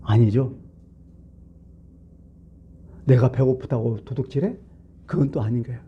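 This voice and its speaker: A man's voice: medium pitch, unhurried, dull audio, a little hiss or hum. A male pastor from South Korea preaching a Sunday sermon in a church, conversational and blunt, asking the congregation rhetorical questions. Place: church sanctuary.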